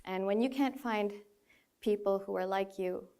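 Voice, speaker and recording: With a clean, slightly mellow voice of medium pitch, a woman in her twenties from the Philippines gives a prepared talk from a stage in a large hall. Her pace is measured and her manner earnest, broken by a few light laughs at herself.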